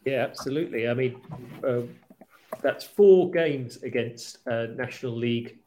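A man hosting a casual sports podcast, presenting in a halting, hesitant way. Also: mid-range voice, mellow, a little hiss or hum. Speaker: podcast host.

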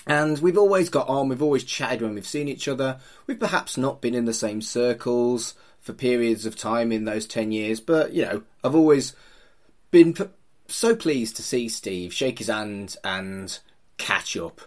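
A man's voice: mid-range voice, unhurried, darkish tone. A middle-aged man, hosting a podcast in an informal, teasing, chatty way. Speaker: podcast host, funeral celebrant.

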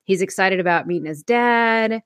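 A woman's voice: medium pitch, moderate pace, dry recording, studio quality. A woman co-hosting a podcast, chatting casually and enthusiastically. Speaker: podcast co-host. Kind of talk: casual chat.

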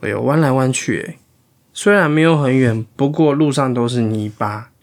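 A dad reads a children's picture book aloud at an ordinary pitch. He chats along the way and pauses to ask the listening child questions. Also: a little hiss or hum. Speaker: storyteller dad.

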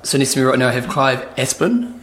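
A male interviewer chats informally and matily. He speaks at a rapid pace in a mid-range voice. The sound is roomy, with noticeable echo. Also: mid-range voice, expressive, fairly bright tone. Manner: blokey and informal, calls people mate. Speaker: interviewer at a triathlon training camp. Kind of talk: casual, chatty interview.

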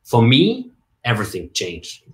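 Forties male guest raised in Germany, coach and MC type; lively storytelling delivery, mid-range pitch. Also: measured pace. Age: 40s. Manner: lively storyteller, jokes and rhetorical asides. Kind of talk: casual interview on a video call.

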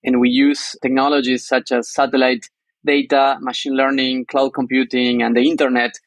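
A startup co-founder from northern Argentina speaks as an interview guest, explaining things in an Argentine Spanish accent. His voice is medium-pitched and level in tone, at a moderate pace, with no echo.

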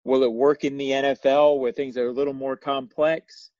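A man's voice: medium pitch, little pitch movement, normal speed, a little mellow, dry recording, highs cut off. A man on a football podcast, talking through coaching philosophy in a thoughtful, analytical way. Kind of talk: casual sports discussion.

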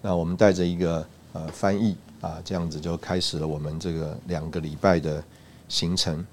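Deep-voiced guy sharing his church testimony, lots of uh and ah, faint hiss behind. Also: flat delivery, a little mellow. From Taiwan. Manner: halting, many "uh" and "ah" fillers. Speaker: church speaker giving a testimony. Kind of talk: recounting a personal testimony.

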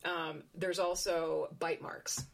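A woman's voice: low voice, level tone, slow pace, creaky, a little hiss or hum. A woman researcher explaining her work in conversation, thinking aloud with frequent restarts and asides.

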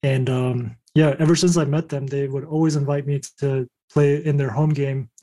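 A man's voice: mid-range voice, steady tone, normal speed, dark tone. A young adult man telling his story casually as a podcast guest. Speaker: podcast guest, poker coach.

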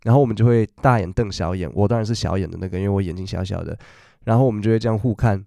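Low gravelly man, chatty. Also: very fast, warm tone, dry recording. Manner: chatty, storytelling, acts out quoted voices. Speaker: podcast host teaching English. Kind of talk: casual chat.

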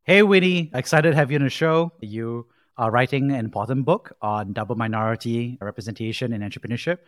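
A man hosting a podcast, asking questions in a measured, deliberate way. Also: mid-range voice, no room sound, clean studio sound. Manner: measured, deliberate delivery with slow pauses. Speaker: podcast host. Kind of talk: interview hosting and read ad.

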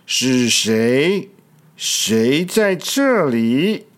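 A storyteller voicing an injured, fierce male tyrannosaurus in a picture-book story, groaning and gruff. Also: mid-range voice, very animated, very slow.

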